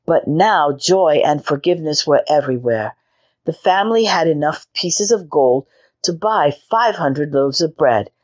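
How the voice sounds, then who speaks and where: A woman hosting a story show, reading a children's fairy tale aloud in a gentle, measured way. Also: deep voice, animated. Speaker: storyteller host.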